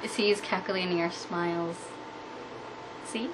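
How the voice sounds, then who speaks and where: A young adult woman hosts a vlog, chatting and teasing casually in a small room at home. Her voice is on the low side, with fairly even intonation and an unhurried pace. A camera mic at about arm's length captures it in a noisy home recording.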